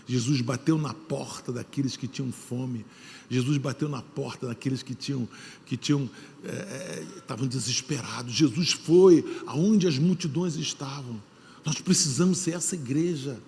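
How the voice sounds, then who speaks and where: A man with a Brazilian Portuguese accent, a pastor preaching a sermon in a church hall, repeating phrases for emphasis and swinging between loud and hushed delivery. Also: medium pitch, creaky, slight background noise. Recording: long hall reverb.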